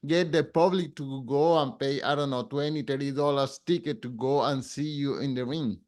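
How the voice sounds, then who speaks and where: Brief: male podcast host from Colombia, Spanish-native, relaxed and conversational. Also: medium pitch, moderate pace. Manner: conversational, with small restarts. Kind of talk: casual interview chat.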